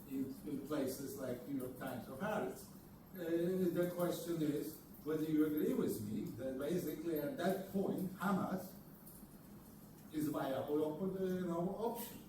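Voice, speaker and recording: A man's voice: on the high side, noisy background. A man in the audience asking a long, winding question and apologizing as he goes. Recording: echoey room, distant mic.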